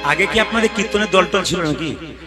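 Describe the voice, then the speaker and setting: A high-voiced man with a Bengali accent leads a live devotional kirtan at a village gathering. He talks in a chatty, teasing way, then breaks into loud chanted calls for the crowd. Harmonium and tabla play steadily behind him through the PA. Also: expressive, a little fast. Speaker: kirtan singer leading a village audience. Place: outdoor village gathering with an audience. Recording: live music over a PA.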